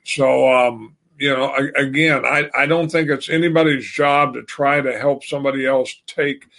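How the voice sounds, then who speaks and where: Older man with a gravelly voice. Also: mid-range voice, steady tone, moderate pace, a bit bright. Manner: rambling, many fillers and restarts. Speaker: podcast guest. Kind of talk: casual sports talk.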